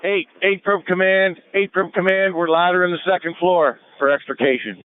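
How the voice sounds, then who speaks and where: A man's voice: high-pitched, steady tone, normal speed. A man, a fire incident commander, giving clipped orders over a fire radio. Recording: tinny radio transmission.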